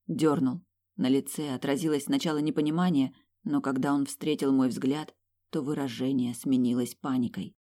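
A woman's voice: extremely low pitch, mellow. A woman narrating a novel in the first person, with an emotive delivery that rises on exclamations and quoted lines. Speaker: audiobook narrator.

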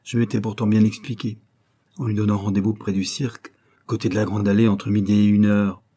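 A man's voice: fairly low pitch, level tone, a little fast, mellow, lightly acted. A man doing a grave old bailiff's clerk. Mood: muttering. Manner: grave, paternal.

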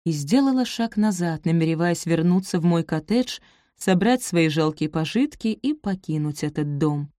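A woman reading a romance novel aloud as narrator, measured and even. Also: fairly low pitch, dry recording, clean studio sound. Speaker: audiobook narrator. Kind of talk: scripted narration.

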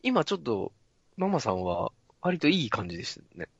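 Lively, playful man in his thirties. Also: medium pitch, creaky, breathy edge, no room sound, lo-fi sound. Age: 30s. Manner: playful, laughing, explains in a halting way. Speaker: guest voice performer. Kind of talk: casual chat with a voice-training demonstration.

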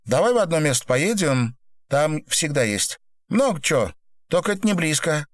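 A man voicing an excitable, tipsy teenage girl at a club, talking quickly and brashly in a raised voice. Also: on the high side, dry recording, voice pushed up. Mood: eager.

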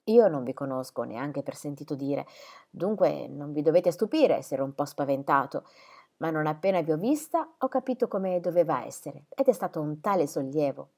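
An earnest, shy young man from an audiobook, gentle and polite, with an expressive lilt in his speech, read by a woman. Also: low-pitched, moderate pace. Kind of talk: audiobook character reading.

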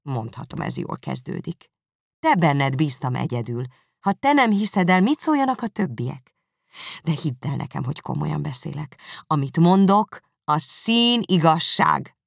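A woman's voice: deep voice, big pitch swings, creaky, no room sound, studio quality, full character voice. A woman voicing a spirited, witty young woman who speaks earnestly and reassuringly, in an audiobook reading. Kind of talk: audiobook character voice.

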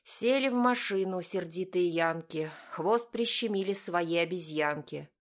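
A woman's voice: medium pitch, normal speed, a bit bright, close to an everyday voice. A woman voicing a sarcastic grown woman who mocks in a sweet, venomous tone. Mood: mocking. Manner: honeyed, venomous.

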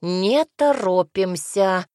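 Brief: pushy, excitable male gnome director, as a woman puts him on, barking commands, dry close sound. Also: mid-range voice, slow pace, dry recording. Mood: commanding.

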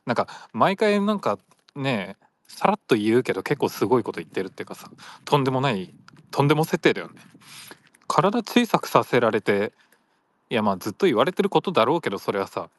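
A man's voice: medium pitch, sing-song, fairly quick, dry recording. A man hosting a solo audio chat, rambling casually and playfully, laughing often and slipping into silly voices.

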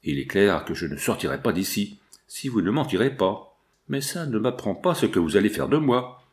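A man's voice: lowish voice, sing-song, moderate pace. A man reading the part of a young male prisoner, angry and wary, speaking in a tense, guarded way.

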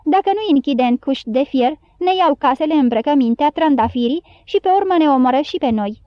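A haughty rich countess lectures in a high, condescending tone, as a woman reads her in a storybook. The recording is dry and a little muffled, close to the mic. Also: animated, no room sound. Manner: scolding, condescending.

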